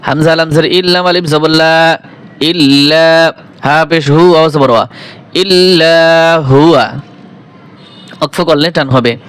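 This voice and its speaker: A man's voice: on the high side, measured pace, pauses often, fairly bright tone, smooth, dry recording. A man teaching Quran reading, spelling each letter and vowel sign syllable by syllable, then chanting the verse melodically.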